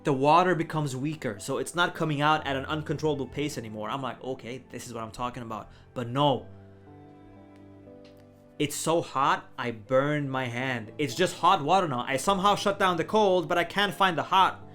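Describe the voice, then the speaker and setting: A man recounts a mishap in a casual, animated storytelling voice, often laughing and acting out his own reactions. His voice sits a little high for a man. Faint music plays behind him. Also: moderate pace. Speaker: vlogger.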